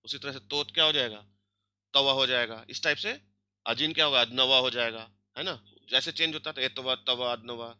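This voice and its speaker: A man's voice: medium pitch, normal speed, sharp tone, clean tone, dry recording. A man teaching a grammar lesson online, explaining step by step and checking in often with his students. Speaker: language teacher.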